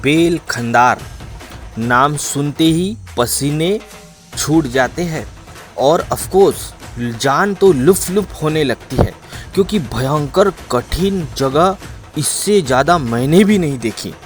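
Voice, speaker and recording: A man tells the story of a dangerous trek in a dramatic voice-over, repeating key points for emphasis. His voice sits a little high for a man. Soft music plays under the narration. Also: animated, slow pace. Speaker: travel vlogger narrating.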